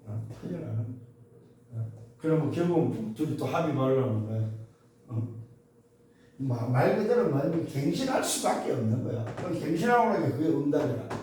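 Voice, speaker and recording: A man's voice: medium pitch, animated, brisk, dark tone, recorded from a distance. Man preaching in an echoey hall. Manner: emphatic preaching with call-and-response questions; tells anecdotes in a conversational preaching tone. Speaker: pastor. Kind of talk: sermon. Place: church sanctuary. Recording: very echoey church hall, voice from afar, faint noise.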